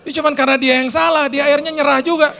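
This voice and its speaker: Animated Jakarta pastor, high voice. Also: male voice, rapid-fire, gravelly. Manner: animated storytelling with slang and sound effects. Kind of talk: sermon with a personal story.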